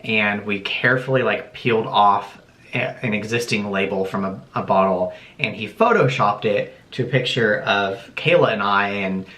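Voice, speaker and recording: A man co-hosting a channel, chatting casually and relaxed, with chuckling asides. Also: lowish voice, normal speed. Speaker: channel co-host. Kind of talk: casual chat. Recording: echoey room.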